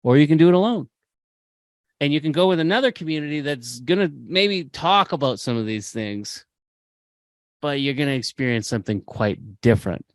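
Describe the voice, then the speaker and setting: A man's voice: on the high side, expressive, normal speed, no room sound. A man hosting a podcast, speaking with impassioned, preachy conviction and repeating phrases for emphasis. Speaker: podcast host. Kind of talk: motivational podcast talk.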